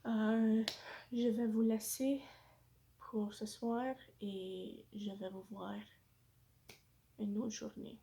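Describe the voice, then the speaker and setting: A woman's voice: a little high, fairly even intonation, very slow, gravelly, pauses often, mellow, a little hiss or hum. A woman vlogging casually in French with an English-influenced accent, hesitant and full of fillers as she searches for words, apologizing for her speaking. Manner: apologetic, self-conscious. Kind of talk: casual vlog monologue.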